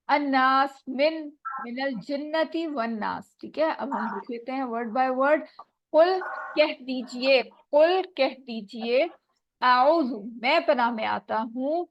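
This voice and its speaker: Her voice sits high and has no echo as this woman teacher runs an online lesson, patiently quizzing students one word at a time. A poor call connection keeps dropping her voice, and the video-call recording sounds dull and dry.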